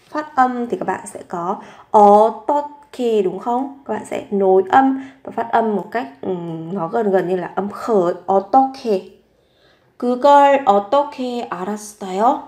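A slightly mellow, medium-pitched woman's voice belongs to a Korean teacher covering vocabulary. She repeats words with patience and quizzes herself while explaining example sentences, with a roomy echo in the recording.

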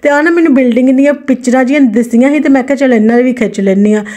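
A woman's voice: high-pitched, rapid-fire, dark tone. A woman in her thirties with a Punjabi accent, narrating a casual daily vlog in a chatty, informal, exclamatory way. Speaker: vlogger.

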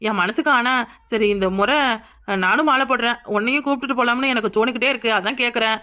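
A woman voicing a cartoon role, talking in a gentle, coaxing, consoling way. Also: fairly high pitch, quick pace. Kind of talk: cartoon voice acting.

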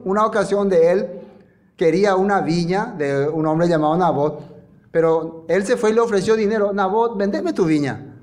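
A man preaching a sermon in a lively storytelling manner, full of rhetorical questions. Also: high-pitched. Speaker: pastor.

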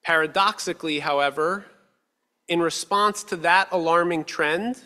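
A male rabbi in his thirties giving a measured, earnest sermon at a lectern with a stand mic, slowing down for emphasis. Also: on the high side, pushed and bright. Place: synagogue sanctuary, at a lectern. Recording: long reverb of a sanctuary hall.

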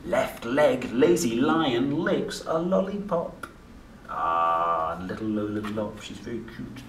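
Reading a children's alphabet book to little kids, a young male presenter uses a playful, sing-song delivery with very wide pitch swings. His pace is slow and direct, like he's talking with his listeners, and the recording is roomy and somewhat distant with faint background noise.

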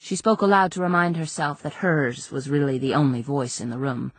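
A woman reads a novel aloud in a measured, subdued way. Her voice is low and husky, recorded dry and close with no room sound. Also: steady tone, no echo. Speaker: audiobook narrator. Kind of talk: scripted narration.

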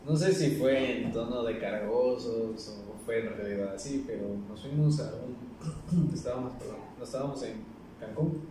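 Young man, podcast guest, an animated storyteller heard from a distance in a booming, noisy room. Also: moderate pace. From Ecuador. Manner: lively storyteller, keeps saying "literally". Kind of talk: casual chat. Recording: roomy echo, distant mic, noisy.

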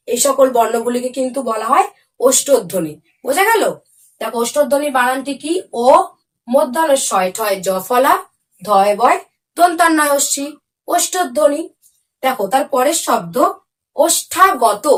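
Patient female teacher, high voice, spelling lesson for kids, mic set a bit back. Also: expressive, unhurried, pauses often, distant mic. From India. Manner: patient, spells words letter by letter, asks if understood.

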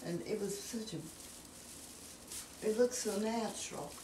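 A woman's voice: mid-range voice, a little slow. Older woman, homeowner, casual hesitant chat, distant, echoey room. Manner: relaxed, hesitant, with fillers. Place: inside a house. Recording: roomy sound from far off the mic, faint noise.

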